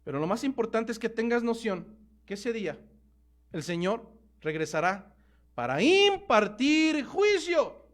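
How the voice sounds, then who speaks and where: High-voiced Mexican pastor preaching. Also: male voice. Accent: Mexican Spanish. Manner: emphatic preaching, slows down to stress key words. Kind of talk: sermon.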